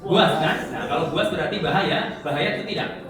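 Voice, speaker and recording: A man from Central Java, Indonesia, a guest preacher and evangelist, gives a personal, conversational sermon to a congregation in a large, echoey room, often asking rhetorical and tag questions. His voice is fairly high and brisk, captured by a distant mic with a crowd audible in the background.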